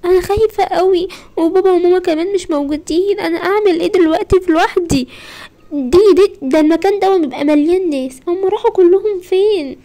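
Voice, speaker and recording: A woman with an Egyptian Arabic accent voicing a young schoolgirl who has been left alone, narrating a first-person role-play story in rapid, breathless, exclamatory bursts. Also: very high-pitched, mellow. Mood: worried.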